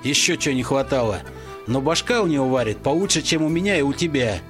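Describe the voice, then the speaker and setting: A man voicing a tipsy, brash young male rock musician who talks loud and cocky. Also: mid-range voice, lively intonation, quick pace, faint music behind, close to an everyday voice. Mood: defiant.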